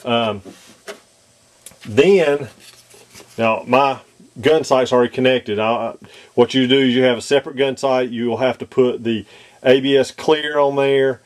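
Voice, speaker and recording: A man talking through a model aircraft cockpit install at his workbench, off camera, pausing often with ums and restarts. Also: medium pitch, fairly even intonation. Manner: hesitant, many ums and restarts. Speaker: model kit maker demonstrating installation. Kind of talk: casual how-to demonstration.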